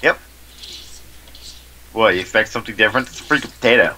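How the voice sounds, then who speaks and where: A man's voice: lowish voice, quick pace, sharp tone, slight background noise, poor audio. A young man co-hosting a casual gaming session, joking and self-deprecating. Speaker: gaming channel co-host.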